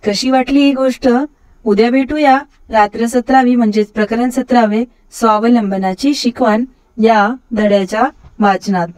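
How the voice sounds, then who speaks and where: Woman reading a story aloud, rather high voice. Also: fairly even intonation, moderate pace, darkish tone, low-quality recording.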